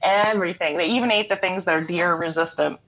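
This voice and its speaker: A middle-aged American woman speaks fairly quickly in a lowish, fairly bright voice. As a singer-songwriter and writer guesting on an interview, she chats casually and explains things easily, connected remotely from home. Her online call audio is dull and lo-fi.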